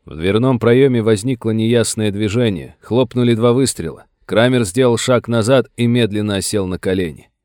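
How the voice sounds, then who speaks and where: A male audiobook narrator reading in a steady, dramatic storytelling voice. His voice is low. The recording is dry and close, with no room sound. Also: normal speed, no echo.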